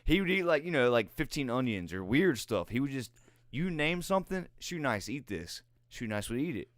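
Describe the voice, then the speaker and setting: A man's voice: medium pitch, sing-song, moderate pace, no echo. A man in his twenties co-hosting a podcast, telling rambling, laughing stories in casual, profane chat. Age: 20s. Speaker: podcast co-host.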